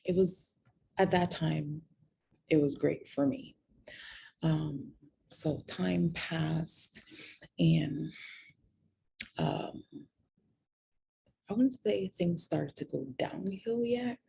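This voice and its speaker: A woman's voice: deep voice, extremely slow, gravelly, pauses often, dark tone, a little hiss or hum. A woman candidly recounting a personal story, reflective and self-mocking.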